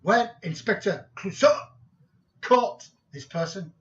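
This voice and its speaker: Slow, punning man, distant and dull. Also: high-pitched, expressive, a bit bright. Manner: slow, deliberate, pun-telling. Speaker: presenter of art videos. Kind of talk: joke-filled video presentation.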